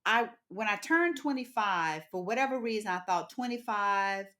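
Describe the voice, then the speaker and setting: Podcast host, woman in her fifties, expressive and emphatic with frequent laughter, mid-range voice. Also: mid-range voice, moderate pace. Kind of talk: casual interview chat.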